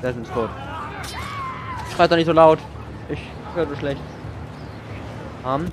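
Sarcastic streamer, high-voiced man, game gunfire and noise underneath. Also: slow pace. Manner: sarcastic self-talk while playing. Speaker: let's play streamer. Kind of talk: gaming commentary. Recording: voice over game sounds.

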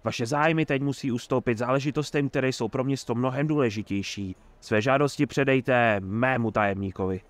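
A man's voice: medium pitch, few pauses, no echo, lightly acted. A man doing a sly jovial old mayor. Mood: sly, hearty. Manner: effusive, sly and talkative. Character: jovial scheming male town mayor, older.

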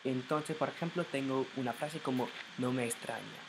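A man's voice: mid-range voice, moderate pace, background noise. A young man from the United States, a native English speaker, vlogging casually at home in Spanish into a laptop mic, hesitant and stumbling, often restarting and correcting himself. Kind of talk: casual learner's vlog in Spanish. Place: at home in his room.

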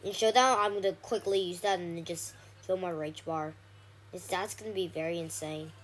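A woman giving casual gameplay commentary, chatty with frequent ums and sudden excited shouts. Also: lowish voice, moderate pace, a little hiss or hum. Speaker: gaming channel host.

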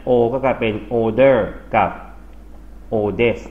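A man's voice: medium pitch, extremely slow, phone-quality sound. A man with a Thai accent teaching an English grammar lesson for exam prep, explaining steadily and spelling words out letter by letter. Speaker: English tutor.

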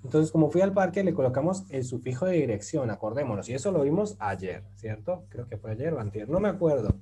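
A man's voice: mid-range voice, very animated, brisk, mellow, slight background noise. A man teaching a Turkish grammar lesson in an online group class, explaining step by step and often checking with "right?". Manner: patient, explains step by step, often asks "¿cierto?".

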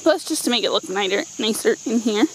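Speaking a little fast in a fairly high, expressive voice, a woman in her thirties chats playfully through a backyard vegetable garden tour for her vlog. She keeps it informal with playful asides. The audio is poor, taken on a handheld camera mic outdoors with noticeable surrounding noise.

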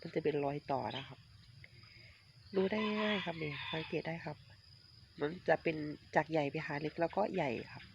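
A man's voice: a little high, moderate pace, long pauses. A man casually showing his garden plants to viewers, chatty and polite, often repeating himself and calling viewers his friends. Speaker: vlogger, home durian grower. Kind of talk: casual show-and-tell vlog. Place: outdoors in a rural garden. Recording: dull lo-fi phone audio, loud outdoor noise and roosters. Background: roosters, chickens and crickets.

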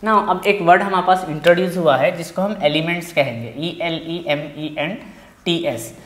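A man with an Indian English accent teaching a physics lesson in a classroom, reading from the textbook slowly and then explaining in a quick mix of Hindi and English. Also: high-pitched, fairly bright tone, echoey room. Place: classroom with a board.

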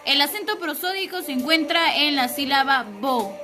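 A young woman teacher gives a recorded lesson to young children. Her voice is high and bright, and she speaks slowly and clearly, pausing to ask the class questions. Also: soft background music. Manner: patient, slow and clear, asking the class questions. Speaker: primary school teacher.

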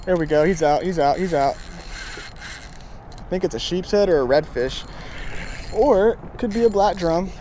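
Young man, eager outdoor vlogger, slightly high voice, action-cam sound with faint water noise behind. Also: normal speed, long pauses. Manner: excited, chatty, says man and guys a lot. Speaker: fishing vlogger. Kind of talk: casual outdoor vlog commentary. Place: kayak on open water under a bridge. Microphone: action camera on chest and pole.

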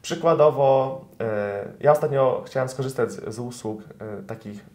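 A man's voice: medium pitch, a little slow, a little mellow. A young man, a lawyer, answering interview questions in an explanatory way, with frequent fillers and polite address to viewers.

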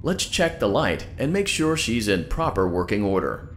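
An oblivious computer helper, chirpy and polite, his low voice run through computer processing. He bounces lively up and down as he reads out system messages. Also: moderate pace, a little hiss or hum. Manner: upbeat scripted announcements, chirpy customer-service tone. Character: cheerful male computer guide voice, polite and oblivious.

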